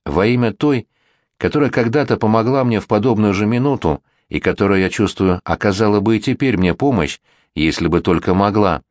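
A man's voice: fairly low pitch, a little fast, no echo, studio quality, close to an everyday voice. A man voicing a virtuous young bride-to-be who pleads with a prince. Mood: pleading.

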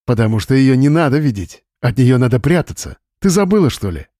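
A man's voice: mid-range voice, sing-song, fairly quick, dark tone, no echo, studio quality, lightly acted. A man doing an eerie childlike village simpleton.

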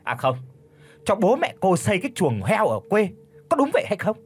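A man voicing a spiteful old woman, a bullying mother-in-law, in a shrill, sharp-tongued scolding voice. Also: wildly swooping pitch, breathy edge, exaggerated voice. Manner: scolding, fast accusing questions. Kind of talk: audiobook character voice.

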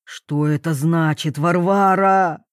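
A woman voicing a jealous, hot-tempered middle-aged military father who blusters and growls low. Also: fairly even intonation, measured pace, dark tone, dry recording, studio quality. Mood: roaring. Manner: gruff, blustering, dropping to a low menace.

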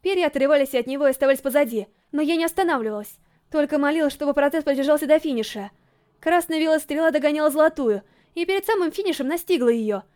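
A woman reading a first-person novel aloud as an audiobook narrator, with dramatic, emotionally expressive storytelling. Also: high voice, quick pace.

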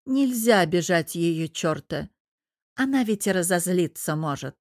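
A woman's voice: lowish voice, expressive, measured pace, no echo. A woman reading an audiobook and voicing a fierce, determined young woman who is close to tears, in a tense, clipped manner. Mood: cold resolve.

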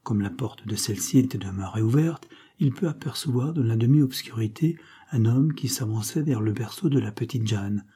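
Dark husky male audiobook narrator. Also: mid-range voice, moderate pace. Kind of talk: scripted narration.

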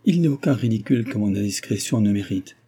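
A man's voice: animated, fast, mellow, husky. A male audiobook reader voicing a proud, distressed young woman heiress, pleading and emotional in tone. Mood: ashamed, agitated. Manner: pleading, emotional, high-strung. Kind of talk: audiobook reading.

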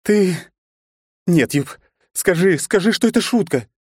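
A man reading an audiobook, voicing a distraught, fiery woman who pleads and accuses in a shrill voice. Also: expressive, unhurried, breathy edge, no echo, clean studio sound, full character voice. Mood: shocked. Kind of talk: audiobook character voice.

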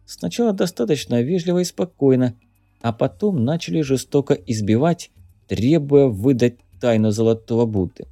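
A male audiobook narrator reading an adventure novel in a steady, measured voice. His tone is dark and mellow, and the recording is dry and close with no room sound. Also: medium pitch, no room sound, faint music behind. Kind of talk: scripted narration.

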